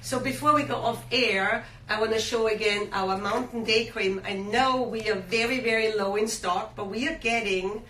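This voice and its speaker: A woman's voice: a little high, normal speed, few pauses, fairly bright tone. Chatty woman selling skincare. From Austria. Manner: chatty, enthusiastic sales talk with many fillers. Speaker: skincare brand host. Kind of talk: live shopping-show interview. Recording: roomy, distant mic, faint hum.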